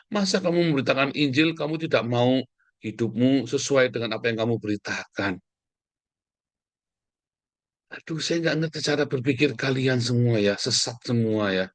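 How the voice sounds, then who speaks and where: Middle-aged preacher, combative and scolding, mid pitch, dry close mic. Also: male voice, dry recording. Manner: combative, scolding, swings from shouting to hushed. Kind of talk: fiery sermon.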